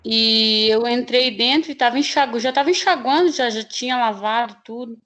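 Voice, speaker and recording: A woman's voice: a little high, normal speed. Chatty woman on a video call. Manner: animated, rambling storyteller with frequent laughs and restarts. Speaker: student. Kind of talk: telling a story in an online class.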